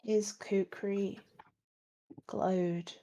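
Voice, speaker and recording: A woman voicing a dead woman raised by ritual, who answers in a faint, halting whisper with long pauses. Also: mid-range voice, steady tone, mellow. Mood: hollow, distant.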